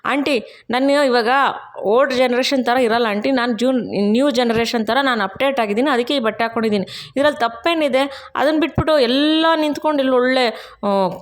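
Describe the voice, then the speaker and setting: A woman's voice: a little high, brisk, pitched above the performer's own voice, lightly acted. Woman doing a sassy defiant young bride. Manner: sassy, talks back, mixes English words. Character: brash modern young woman, defiant new daughter-in-law.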